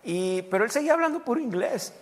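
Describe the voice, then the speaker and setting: A man's voice: extremely high pitch, fast talker, long reverb tail. A man preaching a sermon as pastor, telling stories with laughter and breaking into short prayers and praises. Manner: lively storytelling with laughter and prayer interjections. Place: church sanctuary.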